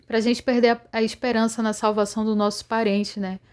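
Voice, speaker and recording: A woman's voice: on the high side, little pitch movement, brisk, darkish tone, smooth. A woman telling her religious dreams in an earnest, rambling testimony full of fillers. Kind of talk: casual testimony.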